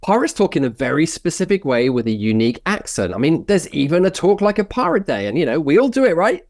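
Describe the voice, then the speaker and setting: A man co-hosting a history show, speaking in an animated, jokey, theatrical way. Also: a little high, quick pace, dry recording, clean studio sound. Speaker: co-host.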